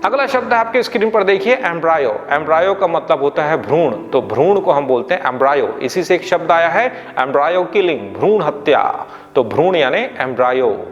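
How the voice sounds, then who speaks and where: A man with an Indian accent teaching English vocabulary in a lesson, announcing each new word on a raised note and then dropping low to sum it up, spelling words out and correcting pronunciation. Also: sing-song, normal speed, few pauses, in a large hall, highs cut off, soft background music.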